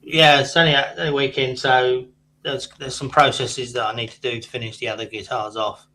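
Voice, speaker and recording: A man's voice: mid-range voice, level tone, moderate pace, bright, forceful tone. A man casually explaining the steps of his guitar build. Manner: explains his work step by step. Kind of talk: casual chat. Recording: faint hum.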